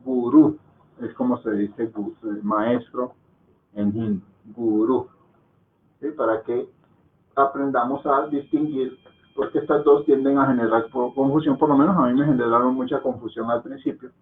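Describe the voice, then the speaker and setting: A man leads an online class, explaining patiently and pausing to ask whether everyone follows. His voice sits at a middling pitch, and it comes through a narrow, tinny line that sounds like a phone call. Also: fairly even intonation. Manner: patient, explains slowly and checks understanding with frequent "¿sí?". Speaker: Hindi teacher.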